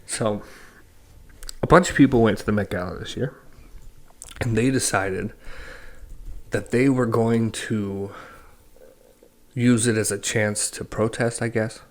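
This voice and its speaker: A man's voice: lowish voice, steady tone, a little slow, pauses often. Blunt, swearing male podcast host. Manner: blunt, swears a lot, ranting. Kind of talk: casual profane chat.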